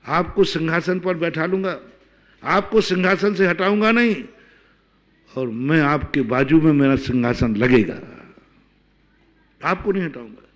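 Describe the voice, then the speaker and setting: A man from India, a Jain monk, preaching a sermon with emphatic rhetorical questions, swinging between loud and hushed delivery. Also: fairly high pitch, animated, a little slow, long pauses, muffled recording.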